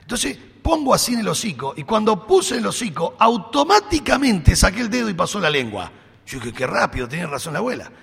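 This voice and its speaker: Animated preacher, gravelly and bright. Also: male voice, high voice, fairly quick, faint music behind. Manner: animated, acts out dialogue with playful humor. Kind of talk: sermon. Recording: long hall reverb.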